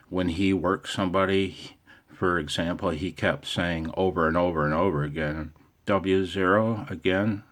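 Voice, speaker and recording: With a deep voice and a wry, self-deprecating manner, an American man who is an amateur radio operator talks off the cuff in a casual vlog.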